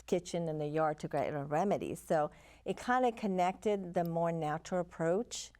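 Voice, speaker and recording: Older woman from Chile, low-pitched, calm interview guest. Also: moderate pace. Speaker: health counselor guest. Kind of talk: interview answers.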